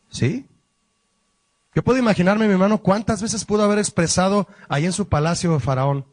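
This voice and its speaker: A man, a pastor, teaching a Bible study lesson, explaining word meanings slowly and asking the listeners questions. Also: a little high, darkish tone, no room sound.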